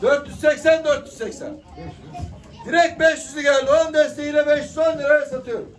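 A man's voice: extremely high pitch, fairly even intonation, brisk. A middle-aged man working as an auctioneer, calling out bids and repeating prices insistently. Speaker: auctioneer at a live poultry auction. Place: small indoor auction room with caged birds. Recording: distant mic, noisy crowd with bird sounds. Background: crowd chatter, chickens and pigeons.

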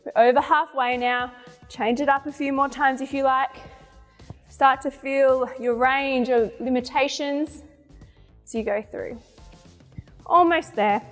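A woman's voice: high-pitched, fairly even intonation, unhurried, long pauses, a bit bright. A young woman working as a fitness instructor, giving encouraging cues and counts for a guided home workout. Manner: encouraging, cueing movements while demonstrating them. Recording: long reverberant room, music behind. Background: music.

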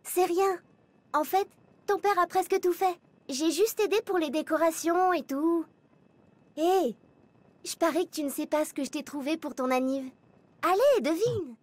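A woman's voice: very high-pitched, moderate pace, pauses often. A chirpy, teasing young girl. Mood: cheerful. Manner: bright, chatty and teasing. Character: cheerful ten-year-old girl, friendly and teasing. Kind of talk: French video game dub.

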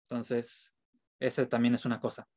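A man teaching an online class through his computer mic. He explains patiently, sounding out letters slowly and repeating each one. His mid-range voice comes through close and dry, with no room echo. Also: mid-range voice, monotone, darkish tone. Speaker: French teacher.

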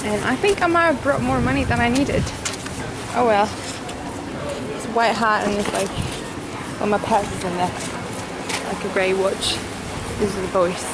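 A young woman talking to her handheld camera while walking through a shopping centre, chatty and excitable. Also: mid-range voice, normal speed, pauses often. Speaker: vlogger. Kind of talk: casual travel vlog. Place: busy shopping centre indoors. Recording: camera mic, loud crowd and noise. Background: loud crowd chatter and noise.

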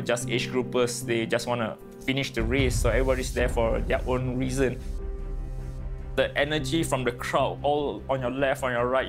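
A man from Malaysia in his thirties, a triathlete talking in a documentary interview, relaxed and a bit hesitant, with easy laughs. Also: mid-range voice. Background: music.

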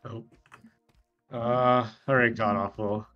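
A man improvising as a doctor in a game role-play, talking in a halting, conversational way. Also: mid-range voice, little pitch movement, lo-fi sound, faint music behind. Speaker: player acting as a clone-making doctor.

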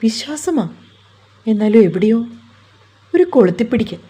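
A woman voicing a shy, anxious young woman in a storybook romance, speaking hesitantly and softly with a husky voice. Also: on the high side, very animated, normal speed. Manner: hesitant, pleading, soft.

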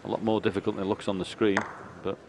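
A man giving hushed, unhurried and reflective snooker commentary. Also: fairly low pitch, little pitch movement. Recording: noisy arena ambience behind voice. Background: snooker arena ambience.

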